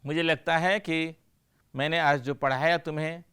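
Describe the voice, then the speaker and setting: A man's voice: fairly high pitch, fairly even intonation, a bit bright, clear, resonant tone. A middle-aged male teacher giving a classroom lesson, asking questions and then answering them himself with brief praise. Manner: slow, questioning, answers his own questions with "हाँ" and praise. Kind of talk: classroom lecture.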